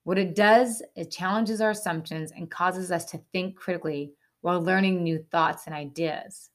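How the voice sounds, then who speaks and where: A woman with a fairly low voice reads scripted narration for a short educational segment, earnest and instructive, at a moderate pace with fairly even intonation. Occasionally she slips in a casual aside or a rhetorical question.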